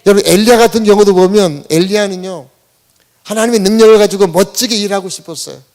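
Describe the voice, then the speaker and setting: High-voiced pastor preaching conversationally. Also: male voice, quick pace, a little mellow. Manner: conversational preaching, asks the congregation questions, leads them in reading aloud. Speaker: senior pastor. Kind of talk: Sunday sermon. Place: church sanctuary.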